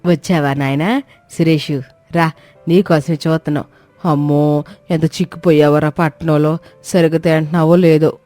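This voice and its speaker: A man's voice: a little high, fairly even intonation, normal speed, pauses often, mellow, faint music behind, voice pushed up, close to an everyday voice. A male narrator voicing a scheming, domineering older mother-in-law who talks in a falsely doting, sweet-talking way.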